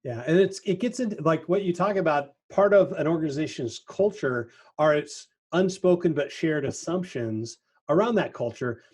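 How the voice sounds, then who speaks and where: A man hosting a casual interview, reflecting thoughtfully with pauses and fillers. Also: on the high side, animated, a little mellow, slightly rough. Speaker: podcast host.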